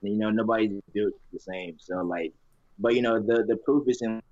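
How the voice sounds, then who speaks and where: A man's voice: fairly low pitch, normal speed, a little mellow, no echo. A young man chatting casually as a podcast guest in a slangy frat-bro way, confident and emphatic, full of filler "like" and "man". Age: young adult. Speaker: guest, competitive college lifter. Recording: dull, lo-fi sound.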